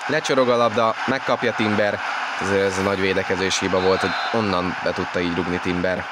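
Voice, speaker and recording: A man giving excited, animated live football commentary that rises to shouts, as a match commentator. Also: low voice. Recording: loud noise under the voice.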